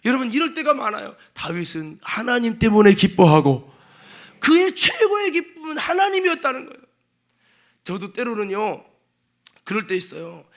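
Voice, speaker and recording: A male pastor giving a Sunday sermon in a church, emphatic and dramatic, acting out quotes and sometimes shouting. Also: extremely high pitch, very animated, normal speed. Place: church sanctuary.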